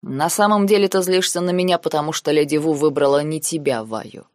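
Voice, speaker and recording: A woman reading the lines of a cold, calculating noble uncle in an audiobook, measured and sarcastic. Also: deep voice, no room sound, studio quality, natural voice. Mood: cold, lecturing. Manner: measured, lazy, coldly sarcastic.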